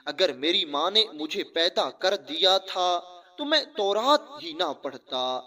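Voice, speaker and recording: A man reads the part of an aged scripture scholar in a spoken religious story, earnest and grieving, pleading as he laments. The voice sits high and lively, with a bright edge. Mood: lamenting.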